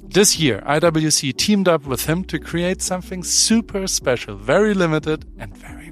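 Chatty, playful male podcast host. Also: a little high. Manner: chatty and playful, teasing his guest. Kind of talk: casual interview chat.

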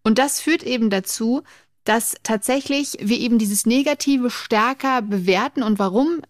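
A woman's voice: a little high, normal speed, dry recording, clean studio sound. A woman co-hosting a casual podcast, explaining things in a chatty way and laughing easily. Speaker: podcast co-host, memory trainer.

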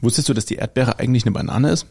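A man's voice: medium pitch, rapid-fire, vocal fry, darkish tone, slightly rough. A man co-hosting a casual podcast chat with a German accent, telling rambling anecdotes and often correcting himself mid-sentence. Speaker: podcast co-host.

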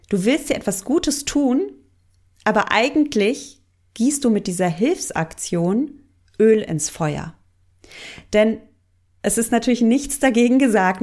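A woman's voice: fairly high pitch, a little mellow. A woman coach giving a monologue, explaining and addressing the listener directly.

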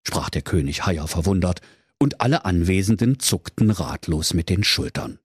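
A man narrating a comic bedtime story in a playful, animated way. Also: low voice, normal speed, husky, no echo, studio quality.

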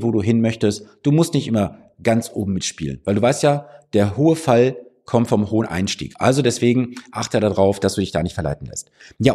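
A man with a slight cold, a financial advisor, hosts a finance podcast from his office, speaking in a mid-range, dark, slightly rough voice. He delivers a direct-to-camera monologue of direct, persuasive advice to the listener.

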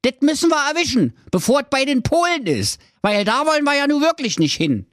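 A man voicing a squeaky, bossy male dwarf commander who gives hurried orders in a radio comedy story. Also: big pitch swings, a bit bright, dry recording, clean studio sound, exaggerated voice. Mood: commanding.

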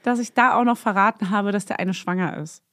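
A young woman co-hosting a casual chat podcast, telling embarrassing stories with lots of laughter and quoting people in high, squeaky voices. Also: brisk, no echo, studio quality. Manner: animated storyteller, acts out quotes in high voices, laughs often. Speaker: podcast co-host.

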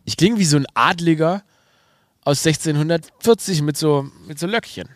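A man's voice: on the high side, normal speed, no echo, clean studio sound. A man hosting a podcast in a casual monologue with a nasal voice and a slight cold, rambling and self-mocking with many fillers. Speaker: podcast host and comedian.

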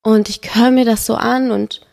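With a fairly high, gravelly voice at normal speed, a young adult woman tells a painful personal story as a guest on a casual podcast. She delivers it with feeling, in an emotional, animated way.

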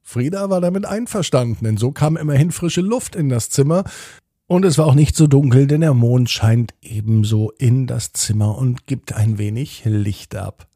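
A man telling a children's bedtime story in a gentle, steady way. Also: medium pitch, normal speed, breathy edge, no room sound, studio quality.

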